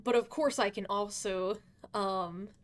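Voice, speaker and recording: Her voice sits in the mid-range, steady and a touch slow, and sounds somewhat worn after she recently lost it. She's a young woman streaming a game from her bedroom, rambling, giggling, and filling gaps with fillers.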